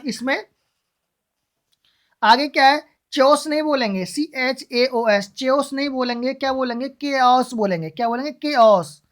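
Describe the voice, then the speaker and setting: A woman's voice: high voice, lively intonation, normal speed, long pauses. A young adult woman teaching English pronunciation, spelling words letter by letter and asking and answering her own questions. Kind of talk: classroom-style lesson.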